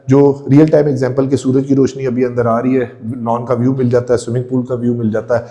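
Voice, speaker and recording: A man's voice: medium pitch, mellow. A man walking viewers through an empty house, describing each room with enthusiasm and speaking straight to the audience. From Pakistan. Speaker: real estate tour host. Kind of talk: walkthrough house tour narration. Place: indoors, empty house rooms.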